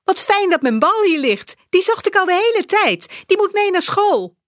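A woman reading a children's storybook aloud, voicing an eager, excitable little girl in a much higher voice. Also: moderate pace, no room sound, studio quality, full character voice. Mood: excited. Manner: eager, exclaiming.

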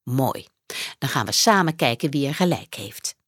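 A woman voicing a kind old man neighbor who speaks gently and with concern, in a children's audiobook. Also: a bass voice, expressive, moderate pace, husky, dry recording, clean studio sound, voice pushed down, exaggerated voice. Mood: kindly.

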